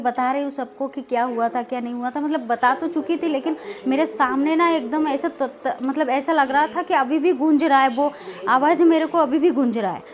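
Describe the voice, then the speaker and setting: High-voiced woman telling a story, rambling. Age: 30s. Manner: rambling and hesitant, heavy filler words, grows agitated and loud. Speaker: vlogger. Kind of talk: casual storytelling vlog.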